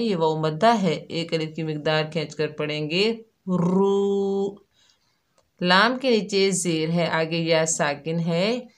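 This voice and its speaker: A woman teaching Quran reading step by step, calmly explaining each letter and drawing out the demonstrated syllables. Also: fairly low pitch. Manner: patient, drawn-out syllables when demonstrating. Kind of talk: slow step-by-step recitation lesson.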